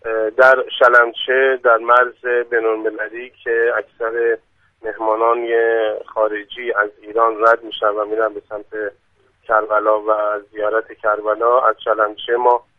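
Male phone-in guest, formal and halting, flat delivery over a thin phone line. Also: on the low side, no room sound. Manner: formal, slow, many hesitant pauses. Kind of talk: radio interview over the phone.

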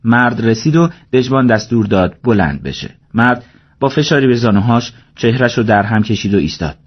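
A man narrating an audiobook story in a steady, measured reading voice, in a dull lo-fi recording. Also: mid-range voice, breathy edge.

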